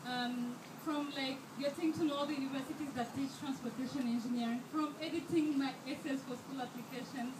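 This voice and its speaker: Speaking fairly quickly and barely pausing, this twenty-something woman from Rwanda has a high voice with a steady tone. She's a scholarship student at a fundraiser, earnest yet prone to fillers and restarts, and her handheld mic is held too far off in an echoey, noisy event hall.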